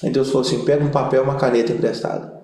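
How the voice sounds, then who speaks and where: A man's voice: mid-range voice, racing. A young Brazilian man, a pastor, telling funny stories in a casual interview and acting out the voices of the people in them. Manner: animated comic storyteller, acts out quoted voices. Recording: echoey room.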